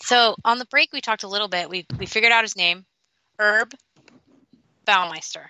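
A woman's voice: mid-range voice, normal speed, bright, forceful tone, rough recording. A woman hosting a paranormal radio show in casual, conversational chat.

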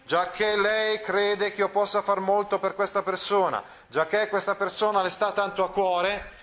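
A man's voice: high-pitched, flat delivery, normal speed, a bit bright, pitched above the performer's own voice. A man reading aloud the lines of an arrogant nobleman who makes a false, condescending offer. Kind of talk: reading a novel aloud in class.

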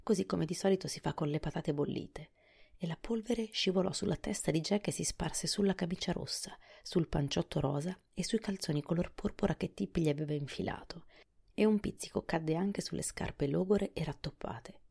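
A woman narrating a storybook in a soft, often hushed reading voice. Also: on the low side, moderate pace, vocal fry, slightly rough. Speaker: audiobook narrator.

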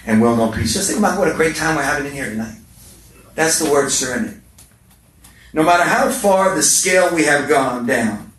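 A man's voice: medium pitch, fairly bright tone, far from the mic, slight background noise. A middle-aged man telling stories at a recovery meeting, passionate and humorous, repeating words for emphasis. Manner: passionate storytelling with repetitions and humor. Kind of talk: speaker share talk. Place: meeting hall. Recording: roomy echo from off-mic. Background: faint room ambience.

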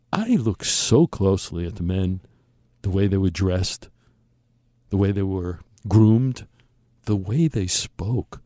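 A man's voice: low-pitched, mellow, no room sound, studio quality. An older man with a Brooklyn accent tells a personal story in an emphatic, conversational way, acting out the dialogue. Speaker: storyteller on a talk show.

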